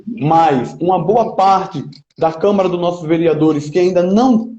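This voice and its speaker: A man's voice: high-pitched, mellow. A man, answering interview questions as a political pre-candidate in an emphatic, speechmaking way, often tagging his points with "né?". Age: 20s. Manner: emphatic, speechmaking, leans on "né?" tags. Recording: roomy, slightly dull lo-fi sound.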